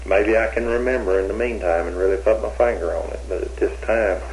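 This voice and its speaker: A man's voice: on the low side, fairly even intonation, a little fast, a little mellow, slight background noise, rough recording. An older man being questioned, talking in a hesitant, rambling way with many restarts, heard on an old interrogation tape recording.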